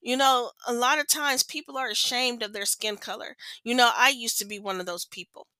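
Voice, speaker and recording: A woman's voice: on the high side, fairly even intonation, a little fast, sharp tone, no echo, low-quality recording. A woman hosting her own podcast, giving an earnest, impassioned monologue of her opinions and repeating phrases for emphasis. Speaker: podcast host.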